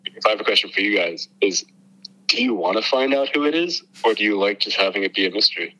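A man's voice: fairly low pitch, lively intonation, fast talker, pushed and bright. A man on a phone call over speakerphone, chatting casually and denying things firmly in a laid-back way. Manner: laid-back, says dude, firm denials. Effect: heard over a phone on speakerphone. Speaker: friend called on speakerphone.

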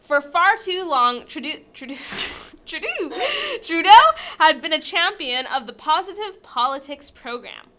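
A woman's voice: high-pitched, animated, a little slow, bright, forceful tone. A woman reading a silly story aloud with a co-host, stumbling over words and giggling often. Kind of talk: comedic reading with banter.

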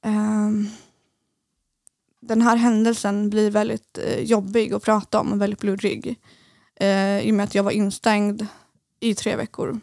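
A woman's voice: mid-range voice, completely flat delivery, gravelly, darkish tone, no room sound, studio quality. A young woman guest on a podcast, telling a personal story in hesitant casual conversation with many fillers.

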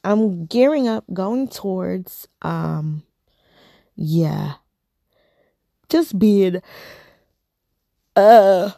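A woman's voice: mid-range voice, very slow, creaky, pauses often, dark tone, no echo, clean studio sound. A woman in her thirties chatting casually to camera, rambling and repeating herself, tired and yawning. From United States. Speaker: vlogger.

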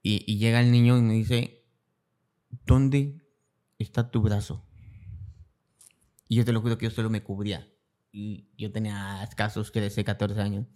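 A man's voice: fairly low pitch, dark tone. A young adult man with a Mexican Spanish accent, a guest speaking in a casual interview who tells his story and acts out the voices of people in it. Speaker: guest, cancer survivor.

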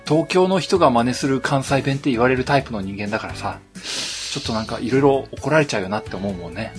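A man's voice: mid-range voice, quick pace, faint music behind. A man from rural Tohoku co-hosting a podcast in casual chat, playful and self-deprecating. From rural Tohoku, Japan. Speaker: podcast co-host.

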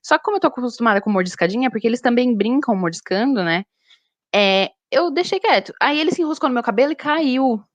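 A young woman, a zookeeper, chatting casually and telling stories in an animated way. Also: on the high side, fast talker, no echo, muffled recording. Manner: animated storytelling. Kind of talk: casual chat.

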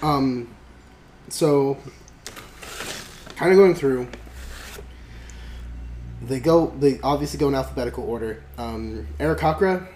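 A man's voice: mid-range voice, a little slow, long pauses, darkish tone. A man hosting a podcast in casual chat, rambling with lots of fillers and restarts. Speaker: podcast host. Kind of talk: casual chat about a tabletop game. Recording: echoey room with faint noise.

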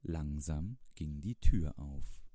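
A man reading a children's storybook aloud in a calm, measured way. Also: extremely low pitch, no echo, studio quality. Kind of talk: storybook narration.

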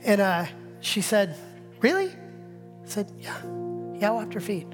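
A middle-aged pastor preaches in a church, telling stories and acting out the conversations in them. He often drops to a near-whisper, then comes back louder. Music plays clearly underneath his voice. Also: high voice, steady tone, unhurried. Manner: storytelling with acted-out dialogue, swinging between quiet whispers and louder bursts. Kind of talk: sermon.

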